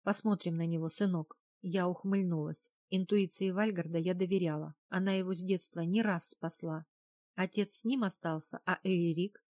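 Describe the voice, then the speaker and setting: Audiobook narrator, woman, mellow low-ish voice, dry close sound. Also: steady tone, normal speed, no echo. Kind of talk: first-person audiobook narration.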